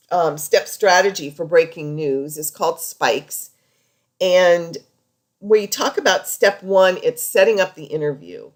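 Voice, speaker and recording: Low-pitched woman giving an informal lecture. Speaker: lecturer, healthcare practitioner. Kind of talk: slide lecture narration, informal.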